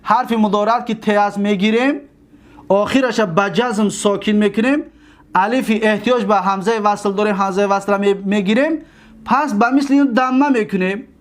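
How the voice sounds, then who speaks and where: A man teaching a grammar lesson, repeating word forms slowly and asking his own questions. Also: high voice.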